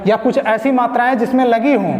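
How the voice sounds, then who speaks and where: High-voiced man teaching in an echoey room. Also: a little fast, a little mellow. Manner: explains step by step, checks with repeated "ठीक है"; asks the class questions and answers them himself. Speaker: Hindi grammar teacher. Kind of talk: online exam-prep lecture. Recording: echoey room with long reverb.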